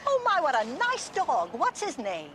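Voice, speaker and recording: Brief: a gracious older sleuth in a TV mystery, lively pitch, faint room hiss. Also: female voice, moderate pace, full character voice. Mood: polite. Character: poised polite older woman sleuth. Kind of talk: 1980s TV drama acting.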